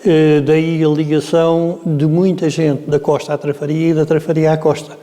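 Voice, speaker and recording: A Portuguese man in his seventies with a Lisbon-area accent recalls his family's past at an unhurried, rambling pace, pausing often on filler sounds. His voice sits slightly high yet warm and dark. The room around him lingers with a long reverb tail. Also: little pitch movement. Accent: European Portuguese, Lisbon area. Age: 70s. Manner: meandering, hesitant with frequent filler sounds. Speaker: interviewee. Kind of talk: oral history storytelling.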